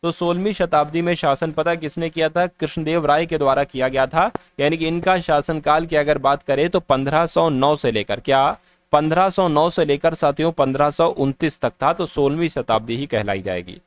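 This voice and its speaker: A man's voice: on the high side, normal speed, clear, resonant tone. A man teaching exam-prep questions in a quiz-style lesson, walking through each answer step by step and often addressing his students.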